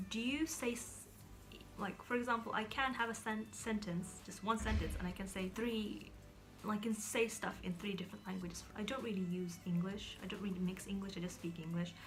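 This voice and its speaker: A young woman from Kazakhstan talks to camera in a casual vlog, rambling, searching for words, and restarting sentences with many fillers. At times she drops into a whisper. Her voice is mid-range, and the recording quality is low.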